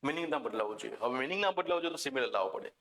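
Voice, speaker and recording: A man with a Gujarati accent teaching an English class for exam coaching, animated and direct, often checking with the class. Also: mid-range voice, very fast. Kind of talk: classroom lecture.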